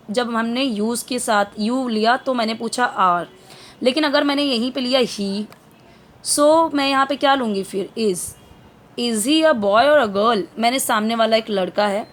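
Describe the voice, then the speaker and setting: A woman giving an English lesson, explaining slowly in a mix of Hindi and English with many fillers. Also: fairly high pitch. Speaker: English teacher.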